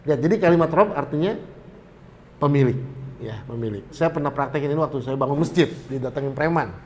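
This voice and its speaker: Middle-aged man, preacher at a study session, slightly high voice, faint background hiss. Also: brisk, a little mellow. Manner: casual storytelling, rising to emphatic exhortation. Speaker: ustadz teaching hajj preparation. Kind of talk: religious study talk.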